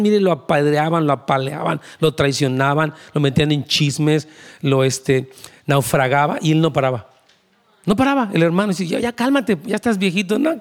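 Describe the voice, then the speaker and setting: A man, preaching a conversational, emphatic sermon as pastor, with asides to the congregation. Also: fairly high pitch.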